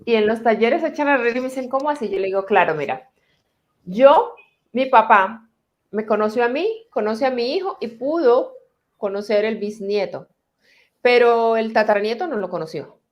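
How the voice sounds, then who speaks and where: A woman therapist explaining family patterns in conversation, calm and deliberate, slowing down as she guides listeners through a healing exercise. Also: on the high side, lo-fi sound.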